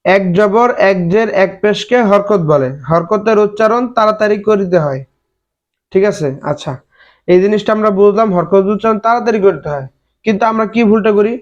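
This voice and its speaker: A male Quran reading teacher giving a recorded lesson to viewers. He asks the viewer questions and drills the letters in a steady chant. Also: sits high, a little fast. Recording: dull lo-fi audio.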